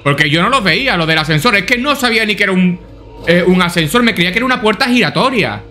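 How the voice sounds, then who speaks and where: A high-pitched, bright-toned man talks through a game as a let's-play commentator. He swears freely and mutters his thoughts aloud, and game music plays faintly underneath. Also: lively intonation, fast talker. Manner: swearing often, thinking aloud to himself. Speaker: gaming YouTuber.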